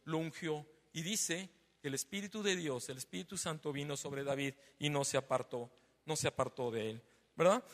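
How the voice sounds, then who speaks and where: A man's voice: moderate pace, in a large hall. A man preaching a sermon in a conversational way, peppering the congregation with tag questions. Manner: loud and emphatic, then lowers his voice after being told he is shouting. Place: church hall. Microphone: handheld or stand microphone.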